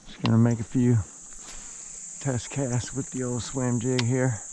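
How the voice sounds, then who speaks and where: A man with a mid-range voice narrates his casual fishing video beside a lake, shot on an action cam, at a measured pace. He's excitable, chattering to himself and to each fish he lands, against a noisy background.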